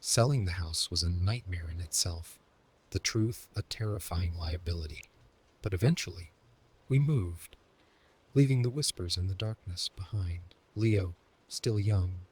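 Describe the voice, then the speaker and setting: In a low, husky voice, a man narrates a scripted first-person horror story. He speaks slowly, hushed and dramatic, sometimes dropping to a whisper.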